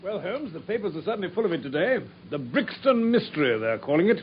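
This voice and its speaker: An actor playing an earnest, polite English doctor in a radio drama, hesitant and courteous, sometimes stumbling over words. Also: male voice, high-pitched, very animated, fast, a little hiss or hum. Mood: mild, engaged. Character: earnest, polite male doctor, detective's astonished companion. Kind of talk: British radio drama acting. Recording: dull, muffled radio drama recording.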